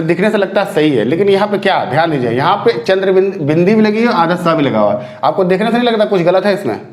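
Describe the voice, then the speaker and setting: A male teacher with a fairly high voice leads an exam-prep spelling lesson in an echoey room. He is patient and repetitive, and he keeps checking that his students are following along. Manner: explains patiently, repeats words and asks the class questions.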